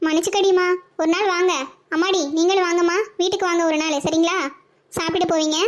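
A woman's voice: very high voice, flat delivery, quick pace, voice pushed up. A woman voicing a fond, chatty elderly mother who dotes on young women and mutters to herself. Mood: doting. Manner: doting, sighing, talks to herself. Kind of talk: cartoon voice acting.

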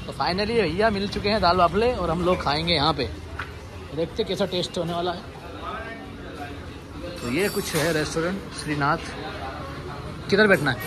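A young man vlogging in a restaurant, chatting to viewers and reading out menu items and prices. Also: sits high. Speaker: food vlogger. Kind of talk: casual food vlog. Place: busy indoor restaurant and street outside.

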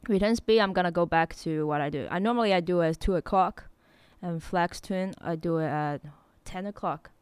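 At a normal speed, the young producer talks through her casual tutorial stream in a low, clean voice with no room sound. She's chatty and self-deprecating, often laughing at herself, seated in a small home studio with neon lights, a boom-arm studio mic close to her mouth, and faint music behind her.

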